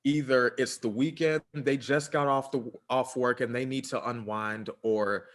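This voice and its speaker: Here the same co-host role comes in a mid-range, steady, unhurried voice. He offers relationship advice on a podcast in a casual, earnest, somewhat preachy way, padding his talk with plenty of fillers.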